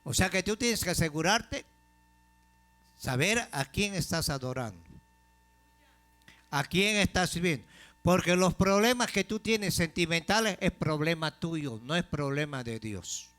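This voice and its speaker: A man preaching a sermon as pastor, asking the congregation questions and slowing down to stress key phrases. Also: a little high, animated, a bit bright. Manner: call-and-response questions to the congregation.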